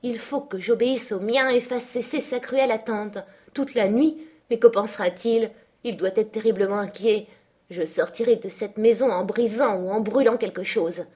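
A woman reading aloud, voicing a spirited, strong-willed young woman who speaks urgently, a little higher than her narration. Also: normal speed, warm tone, breathy edge. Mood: defiant.

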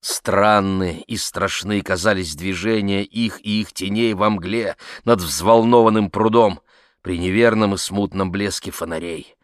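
Чтец-мужчина, драматичное размеренное чтение, без эха. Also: male voice, fairly low pitch, steady tone, unhurried, dry recording, studio quality. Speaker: audiobook narrator. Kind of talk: scripted narration.

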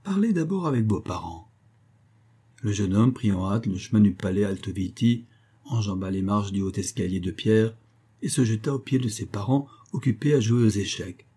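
Male audiobook narrator, dark mellow tone, steady dramatic reading. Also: on the low side, moderate pace, breathy edge.

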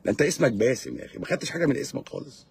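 A man's voice: mid-range voice, lively intonation, racing, vocal fry, husky, no echo. A man with an Egyptian accent, a doctor hosting a live stream, lecturing in a sarcastic, mocking way. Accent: Egyptian Arabic. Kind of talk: casual live-stream monologue.

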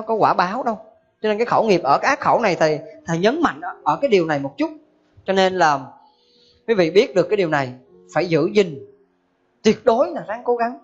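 A woman, a Buddhist teacher giving a sermon in a conversational way and asking her listeners questions. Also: medium pitch. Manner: conversational, asks the audience questions. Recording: dull lo-fi recording.

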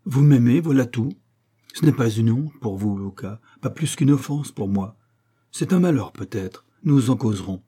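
A man reading an audiobook, voicing a proud noblewoman with haughty, sharp irony. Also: medium pitch, lively intonation, normal speed, breathy edge. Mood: mocking. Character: proud cutting noblewoman, marquise, mocking.

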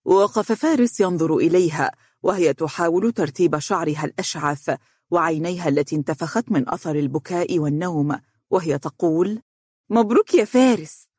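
A narrator reading a novel aloud in a steady storytelling manner. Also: mid-range voice, fairly quick, slightly rough, no echo, clean studio sound.

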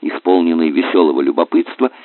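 A male audiobook narrator with a very deep voice, reading an adventure novel in a measured, even way. The recording is bone-dry and squeezed into a narrow band, like a telephone line. It is close and plain, with no room sound. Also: no echo.

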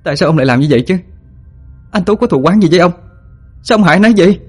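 A man voicing a distraught young woman who pleads in a shrill, tearful voice. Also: lively intonation, racing, husky, soft background music. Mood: anguished. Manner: shrill, pleading, breaking into shouts.

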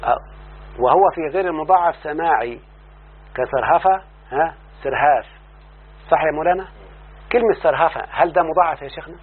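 Speaking with an Egyptian accent in a slightly high, slightly rough voice, a man explains a classical Arabic morphology text to his student. He often asks if the student is following and stretches out each word form slowly. The audio is tinny, like a phone line, with a faint hum.

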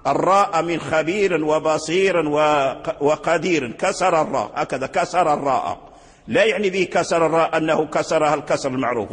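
A man's slightly high, husky voice explains Quran readings in a slow, repeating lecture. He restarts his words often and chants the examples. The sound carries a long hall reverb. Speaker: Quran recitation teacher.

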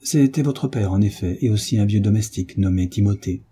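A man voicing an elderly, grey-bearded village priest who speaks gravely with a melancholy tone, in an audiobook reading. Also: lowish voice, a little fast, dark tone.

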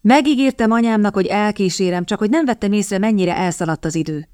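A woman's voice: mid-range voice, dark tone, clean tone, lightly acted. A woman reading the part of a flustered young man in a hurry.

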